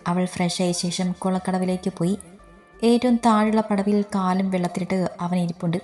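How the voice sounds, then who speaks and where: A woman reading a romance story aloud in a calm, measured voice. Her pitch sits low and mellow and moves very little. Soft music plays faintly behind her. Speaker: story narrator. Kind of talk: scripted story narration.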